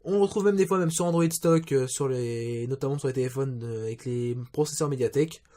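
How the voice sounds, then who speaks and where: A man's voice: mid-range voice, fairly quick, warm tone. A man, casually walking through phone settings in a rambling review, with many restarts and fillers. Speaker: tech reviewer.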